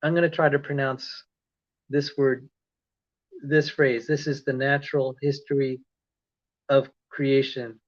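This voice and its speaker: He has a mid-range voice with a level tone, a measured pace, and long pauses. The speaker is a man from the Philippines with an American accent, casually rambling through an online livestream lecture in a chatty, self-correcting way, captured in dull lo-fi audio.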